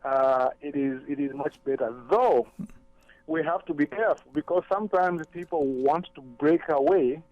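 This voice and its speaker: As a guest on a radio talk show, a Zambian man phones in over a thin, tinny line, and the recording is dry. His slightly high voice has a sing-song quality and a moderate pace; he's thoughtful, repeating words often while he works out what to say.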